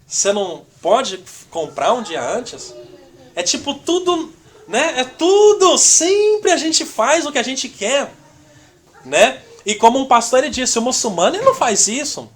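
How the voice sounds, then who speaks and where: With a very high-pitched, very animated voice at a measured pace, a man leads a casual church teaching as a discipleship teacher. He keeps tacking on "né?" and performs short quoted exchanges, with slight background noise in the clip.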